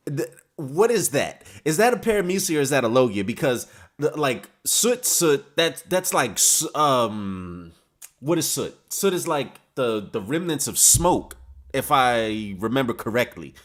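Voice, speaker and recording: An excitable young man riffs through a live reaction, his voice climbing and dropping all over the place. He talks in loose slang, breaking off mid-sentence to hype or complain, at a middling pitch. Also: measured pace. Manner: excitable, slangy, jumps between reading and ranting. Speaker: manga discussion host.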